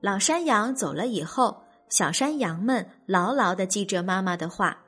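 A young woman hosting and reading a bedtime story in a gentle, animated manner. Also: medium pitch, normal speed, slightly rough, soft background music.

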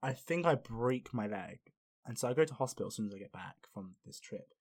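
A young man hosting a podcast, telling a story in casual chat, animated and swearing freely. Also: medium pitch, a little fast. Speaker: podcast host.

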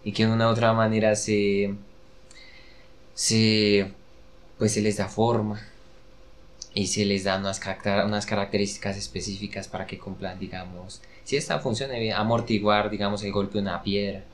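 A man, a guest expert explaining patiently in a measured way with hesitant fillers. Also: lowish voice, level tone, a little hiss or hum. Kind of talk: casual explanatory chat.

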